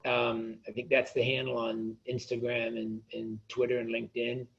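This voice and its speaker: A man's voice: medium pitch, completely flat delivery, moderate pace, gravelly, lo-fi sound. A male author, a guest on an interview podcast, speaking passionately and often repeating words as he argues. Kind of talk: casual interview chat.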